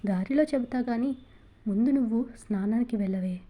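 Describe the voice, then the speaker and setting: A woman voicing a forceful young husband who gives curt orders, gruff with others and tender with his wife. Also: very high voice, a little fast. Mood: affectionate. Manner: brusque, commanding.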